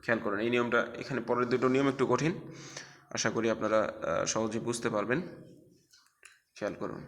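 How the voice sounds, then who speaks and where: A man teaching a Quran recitation class, spelling out letters and drawing out recited words slowly between explanations of the rules. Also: mid-range voice, fairly even intonation, a bit bright, in a large hall. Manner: slow, drawn-out recitation of syllables, then explaining rules.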